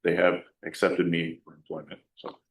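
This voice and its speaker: Man, defendant, very low monotone voice, hesitant, soft-spoken, distant and roomy courtroom sound. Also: moderate pace, vocal fry, slight background noise. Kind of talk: answering in court. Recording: echoey courtroom, voice far from the mic.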